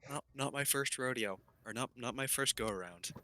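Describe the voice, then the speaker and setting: Bright, forceful-voiced male player. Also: medium pitch, moderate pace. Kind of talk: casual chat at a tabletop game.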